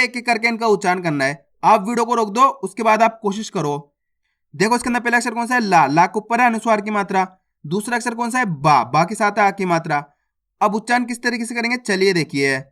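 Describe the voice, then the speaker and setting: A reading teacher who sounds out words syllable by syllable, then says each whole, and checks with viewers that it is clear. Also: mid-range voice, fairly bright tone. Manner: addresses viewers as friends, asks if it is clear. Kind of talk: slow word-by-word reading lesson.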